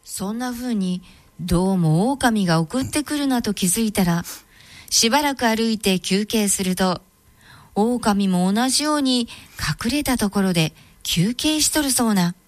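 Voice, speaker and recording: A woman narrating a folk tale in a Tango Kyoto dialect, with a steady, measured telling. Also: medium pitch, dry recording. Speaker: storyteller and co-host.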